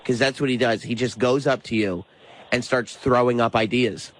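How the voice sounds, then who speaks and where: A man's voice: medium pitch, fairly even intonation, normal speed. A male co-host telling a story in casual chat, acting out quoted lines with animation.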